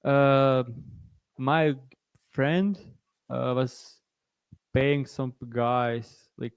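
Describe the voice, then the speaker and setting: A man from Croatia, co-hosting a sports betting podcast in casual chat, halting and full of restarts and fillers. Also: medium pitch, fairly even intonation, smooth, no room sound, highs cut off.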